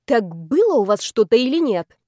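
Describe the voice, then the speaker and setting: A woman voicing a shrewd, pushy and curious female friend, talking brisk, bossy and emphatic. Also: a little high, big pitch swings, dark tone, no echo, clean studio sound.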